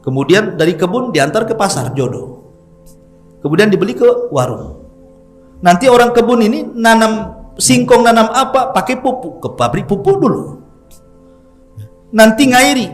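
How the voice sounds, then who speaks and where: A middle-aged man, preaching in a lively, chatty storytelling style and joking with his listeners. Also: high voice, normal speed, pauses often, soft background music. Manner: lively, chatty, jokes with the audience. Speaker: Islamic preacher. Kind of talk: storytelling sermon.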